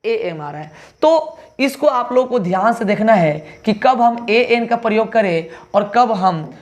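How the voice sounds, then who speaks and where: A man's voice: high voice, lively intonation, unhurried. A male teacher giving an online exam-prep lesson, spelling words letter by letter and answering his own questions. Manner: asks questions then answers them himself.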